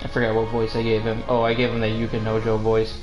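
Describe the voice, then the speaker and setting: A man with a fairly low, slightly mellow voice talks fast in a completely flat delivery while streaming a video game. He chats casually as he plays, in roomy room sound with the game's music behind him.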